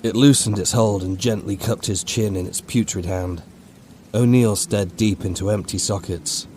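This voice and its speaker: In a very low voice with a steady, darkish tone, a man delivers a horror audiobook reading that is measured and dramatic. There's faint background noise in the recording.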